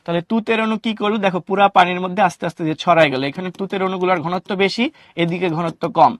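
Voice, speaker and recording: A young man teaching an online class in a Bangladeshi Bengali accent, with a fairly high voice, recorded close and dry with no room sound. He asks questions and answers them himself, drops English words into his sentences and answers student comments as he goes. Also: fast talker, no room sound. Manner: reads out student comments and replies.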